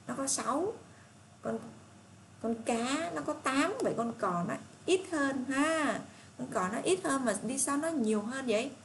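A woman tutor reading a first-grade math workbook aloud to children, slow and patient, asking them encouraging questions. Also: medium pitch, slight background noise. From Vietnam. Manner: slow, patient, reads problems aloud deliberately.

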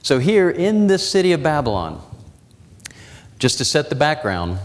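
A man in his forties preaching a sermon in a church, walking the platform and slowing down, dropping his voice low for dramatic emphasis. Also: sing-song. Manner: walks the platform, gesturing as he preaches. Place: church sanctuary. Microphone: lapel mic and pulpit mic. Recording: church hall reverb.

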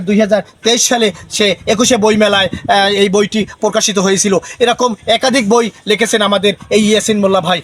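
A man reporting the news and interviewing a guest, peppering his sentences with the same filler word. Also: high voice. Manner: repeats filler "actually" often.

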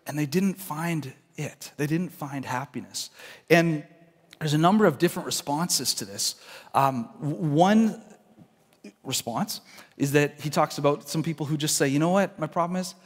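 A man delivers a sermon in an earnest, conversational way, restarting phrases as he goes. His voice sits a bit high for a man. It rings out in a church hall with a long reverb tail. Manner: earnest, conversational preaching with restarts and acted quotes. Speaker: pastor. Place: church sanctuary.

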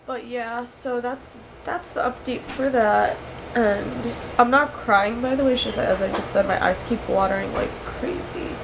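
A young woman talking casually in a home vlog, tired and sore after nose surgery, rambling in a low-key way. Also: measured pace, noisy background. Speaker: vlogger recovering from nose surgery. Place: at home indoors.

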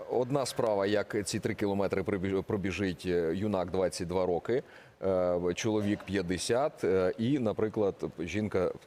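A man's voice: low-pitched, darkish tone, a little hiss or hum. A man interviewing a guest, asking polite, hesitant questions full of fillers.

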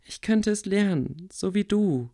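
A man reading aloud, voicing a stubborn, quick-tempered young witch girl in a raised voice. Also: animated, gravelly, warm tone, heavily acted. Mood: tearful. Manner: pleading, raised pitch.

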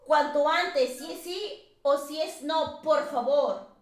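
A woman's voice: high-pitched, slow, roomy sound, slight background noise. A woman hosting a casual game live stream, chatty and teasing, laughing often.

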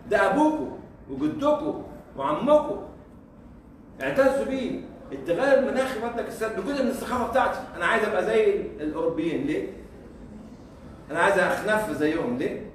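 An Egyptian guest lecturer with an Egyptian Arabic accent gives an informal university talk in a high, animated voice, moving quickly but pausing often. He tosses out rhetorical questions, repeats himself and chuckles. The room echoes, the mic sits far away, and there's faint noise.

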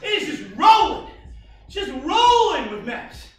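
Barking male gym coach, high strained pitch. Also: sing-song, takes it slowly. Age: middle-aged. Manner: barking gym coach, shouting commands and encouragement. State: exerting himself while training. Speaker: fitness coach hosting a workout video. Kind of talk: live workout instruction. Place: indoor gym studio. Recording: echoey gym, distant mic, music behind.

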